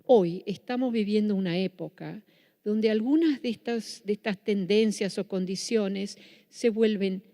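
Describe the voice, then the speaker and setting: A Dutch-born woman from the Netherlands gives a public lecture in a reverberant hall, speaking with a Buenos Aires Spanish accent. Her mellow voice sits at medium pitch and moves at a measured pace. She often restarts and corrects herself.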